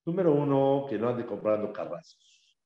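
A man giving a religious class, emphatic, repeating key phrases and asking his listeners questions, swinging from loud exclamations to low murmurs. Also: sing-song, moderate pace. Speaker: religious teacher. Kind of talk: Torah class in Spanish. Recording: echoey room, slightly dull lo-fi sound.

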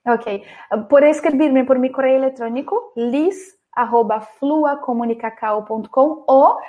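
Woman, Brazilian accent, native Portuguese speaker, slightly high pitch, conversational podcast guest, non-native phrasing with self-corrections. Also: measured pace, phone-quality sound. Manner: non-native Spanish with searching rephrasing. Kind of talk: conversational interview.

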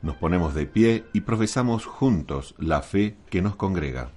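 A man's voice: deep voice, lively intonation, moderate pace, darkish tone, slightly rough. A man acting as lay reader and guide at Mass, reading scripted prayers and liturgical announcements.

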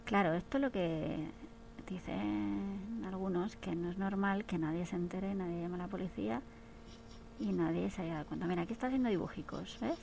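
A woman's voice: mid-range voice, moderate pace, vocal fry, a little mellow, slight background noise. A woman chatting casually while she watches a film, exclaiming and tossing in playful asides. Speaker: film commentator.

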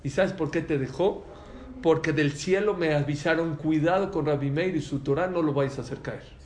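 A man voicing Satan, stern and low. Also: normal speed, darkish tone, reverberant, natural voice. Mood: warning. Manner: stern warning. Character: Satan, a tempter revealing himself.

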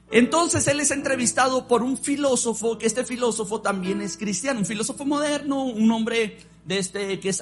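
A man delivers an animated sermon, leading his congregation to repeat after him. His voice sits very high for a man. Soft music plays faintly behind him in the church. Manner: animated preaching with call-and-response. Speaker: pastor.

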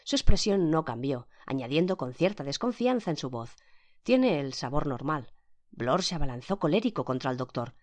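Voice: very animated, brisk. A narrator reading a mystery novel aloud as scripted audiobook narration, giving the quoted characters their own voices. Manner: acts each character's quoted lines with pitch and loudness shifts.

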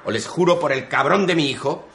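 An actor playing a sleep-deprived police sergeant who talks crudely and with exasperation. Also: male voice, a little high, expressive, brisk, fairly bright tone. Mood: exasperated.

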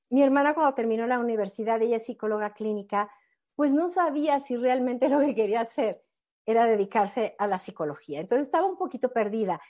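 A woman giving a motivational talk, telling a personal story in an animated, earnest and emphatic way. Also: fairly high pitch. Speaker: motivational speaker.

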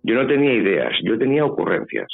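Gravelly man from Spain on a phone line. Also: fairly low pitch, huge pitch swings, quick pace. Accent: Spanish from Spain. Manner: hesitant, repeats words, adds "¿eh?". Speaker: guest. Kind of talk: phone interview, personal storytelling. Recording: tinny phone line with faint music.

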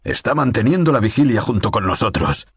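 Storybook role: a chipper colonel, brisk and friendly, in a husky dry voice, read by a man. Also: fairly low pitch, very animated, no room sound, pitched above the performer's own voice, exaggerated voice. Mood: cheerful. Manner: brisk, cheerful. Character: cheerful male military colonel.

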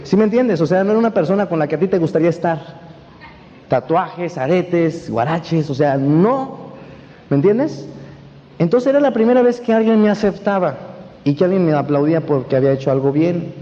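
High-voiced Mexican man telling his story. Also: brisk. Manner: animated storytelling, keeps asking the audience if they follow. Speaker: motivational speaker at a network marketing event. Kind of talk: personal testimony talk. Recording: dull echoey hall recording with faint hiss.

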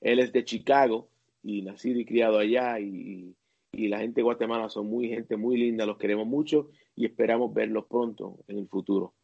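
A man, a worship leader and singer, talking casually as an interview guest and pausing often with fillers and restarts. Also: lowish voice, fairly even intonation, creaky, slightly rough, highs cut off. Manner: halting, many fillers and restarts.

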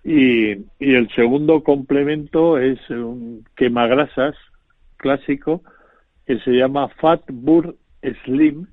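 A male doctor heard over the phone, giving measured, formal advice on a radio show. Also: medium pitch, no echo. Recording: dry narrow phone line.

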